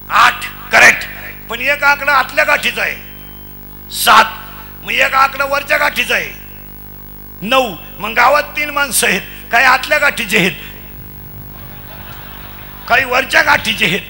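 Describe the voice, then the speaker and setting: High, bright-voiced preacher man. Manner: rhythmic chanting lists, quizzing the audience. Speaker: kirtan preacher. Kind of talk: comic devotional sermon to a live crowd.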